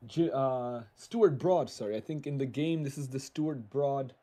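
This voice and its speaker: A man's voice: medium pitch, a little slow, mellow. A young man co-commentating a cricket video game in a playful, teasing way, often restarting his words. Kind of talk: casual gaming cricket commentary.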